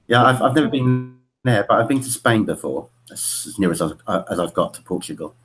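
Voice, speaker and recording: Very low-voiced man rambling on a call. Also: expressive, brisk, music in the background. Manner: rambling, peppered with "you know". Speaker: stand-in host. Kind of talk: casual video-call chat. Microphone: video call.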